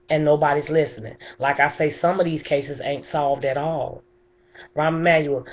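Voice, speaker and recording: In lo-fi audio, a low-pitched middle-aged woman from Chicago, a bereaved mother, makes an unscripted appeal to the mayor. She speaks in a plain, emphatic, insistent way.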